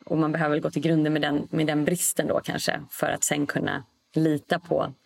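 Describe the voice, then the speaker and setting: A woman guest on a podcast, talking casually and reflectively, thinking aloud with pauses. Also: sits low, level tone, gravelly.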